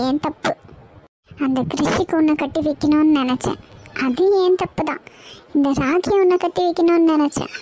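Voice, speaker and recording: A woman's voice: high voice, a little mellow. An actress playing a middle-aged mother, reproachful and guilt-tripping, in a TV serial scene. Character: bitter, self-pitying middle-aged mother.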